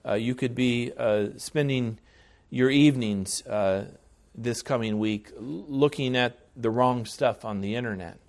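Slow, earnest man preaching a sermon. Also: mid-range voice. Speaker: pastor. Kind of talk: expository sermon.

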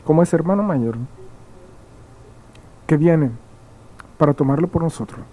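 A man's voice: on the high side, lively intonation, a little slow, lo-fi sound. A man pastor preaching a midweek sermon, reading Bible verses aloud and explaining them with repeated emphasis, with occasional slips and restarts.

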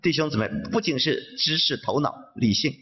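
A man interpreting a sermon phrase by phrase, somewhat halting. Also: on the high side, expressive, husky, muffled recording.

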